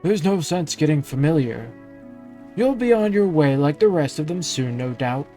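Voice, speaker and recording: A man voicing a downcast, gruff old fishmonger in a video game, curt and grumbling. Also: a little high, lively intonation, moderate pace, warm tone, soft background music, natural voice.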